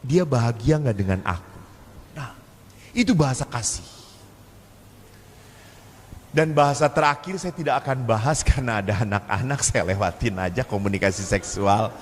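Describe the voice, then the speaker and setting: Javanese priest doing a seminar sermon, chatty storyteller, big echoey hall, bit of noise behind. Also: male voice, medium pitch, animated, moderate pace, pauses often. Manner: storytelling with acted family dialogue, humorous asides. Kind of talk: sermon-style seminar talk.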